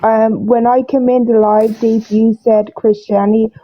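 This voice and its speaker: A woman's voice: a little high, flat delivery, measured pace, noisy background. An Irish woman in a casual live debate, her voice muffled as if heard through a wall, asking pointed questions. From Ireland. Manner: pointed, questioning, picks at terms. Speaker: participant in a live online debate.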